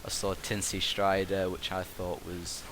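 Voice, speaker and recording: A man's voice: sits low, little pitch movement, a little slow. A young British man giving a casual, hesitant, meandering commentary into a gaming headset, like a student chatting to his viewers. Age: young adult. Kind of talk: casual rambling vlog commentary. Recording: constant buzzing, hissy background noise. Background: constant buzz and hiss.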